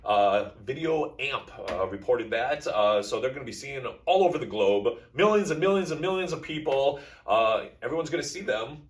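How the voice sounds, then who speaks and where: A man's voice: mid-range voice, lively intonation, normal speed, hardly any pauses, far from the mic. A man hosting a casual wrestling talk show, upbeat, laughing often and using lots of "uh" fillers. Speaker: podcast host.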